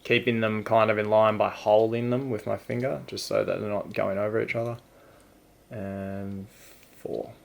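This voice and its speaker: A man casually talking through how he ties a fishing knot, relaxed and matter-of-fact as he works with his hands. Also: lowish voice, moderate pace, creaky. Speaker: fishing channel host. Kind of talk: casual knot-tying tutorial.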